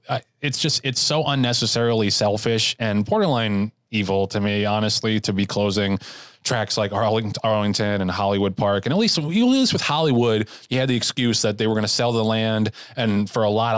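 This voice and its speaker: Male podcast co-host, lowish voice, dry mic, chatty and fired up. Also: clear, resonant tone, dry recording. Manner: heated, frequent restarts and fillers. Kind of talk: casual chat.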